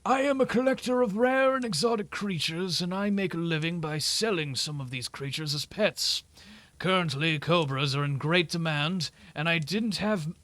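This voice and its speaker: A man's voice: a little high, fairly bright tone, no echo, pitched above the performer's own voice. A man putting on an old man's voice to read out a scheming game merchant's lines. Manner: creaky put-on old man voice. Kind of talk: reading game dialogue aloud in voices.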